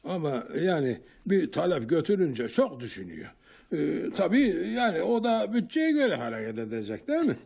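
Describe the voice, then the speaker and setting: A courteous village headman with a gravelly, fairly high voice. He speaks politely and folksily in radio play style, with lively pitch. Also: normal speed, heavily acted. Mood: friendly, polite.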